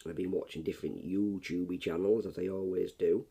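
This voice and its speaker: A middle-aged man, hoarse and coughing after just waking up, giving a rambling, blunt, swearing early-morning rant. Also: low voice, fairly even intonation, normal speed, warm tone. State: hoarse, coughing, frog in throat. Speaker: YouTuber.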